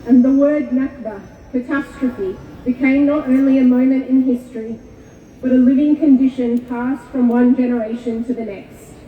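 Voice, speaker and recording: A woman born in Kuwait giving a measured, solemn prepared speech to an outdoor rally. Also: high voice, steady tone. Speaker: rally speaker. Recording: echoey far-off PA with tinny sound.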